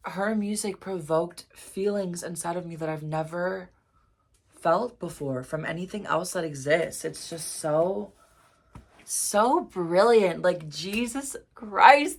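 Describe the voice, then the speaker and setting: A woman reacting to an album in a casual vlog, emotional and gushing, full of "like" fillers and soft near-whispers. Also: on the low side, gravelly. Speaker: music reaction vlogger.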